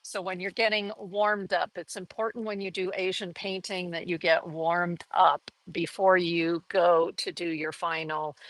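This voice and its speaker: A woman's voice: lowish voice, fairly bright tone, dry recording, poor audio. A middle-aged woman teaching a live painting lesson in a chatty, folksy way, laughing often as she talks. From grew up in Taiwan and Korea. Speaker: art teacher.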